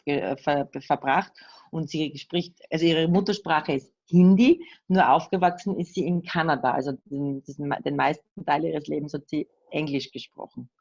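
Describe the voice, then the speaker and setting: A woman interpreting into German in a halting, restarting way, often laughing. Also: sits low, gravelly, darkish tone, lo-fi sound. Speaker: interpreter and co-host. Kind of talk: live interpreting, casual.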